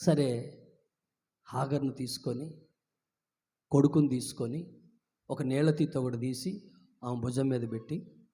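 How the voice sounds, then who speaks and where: A man preaching a sermon as pastor at a live church service, moving between quiet low asides and high, emphatic declarations. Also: a little slow, pauses often, big-room sound.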